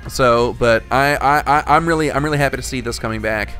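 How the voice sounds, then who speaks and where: This podcast host is a young man with a medium-pitched, slightly bright voice. His talk is loose and rambling, packed with restarts and some profanity.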